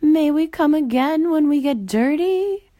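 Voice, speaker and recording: A woman's voice: sits high, expressive, measured pace, dark tone, no echo, studio quality, voice pushed up. A woman voicing a group of timid, polite ghosts in a storybook reading, stammering and drawn out. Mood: grateful. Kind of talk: storybook character voice.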